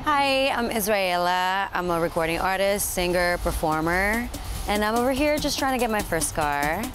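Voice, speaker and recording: A woman's voice: medium pitch, lively intonation, moderate pace, a bit bright, faint music behind. A young woman from Brazil, a singer shopping for her first car on an outdoor lot. She talks in a bubbly, giggly way.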